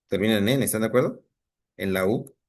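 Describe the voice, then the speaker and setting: A man's voice: on the low side, brisk, darkish tone. A male teacher with a Mexican Spanish accent giving an online lesson and checking in patiently with his students.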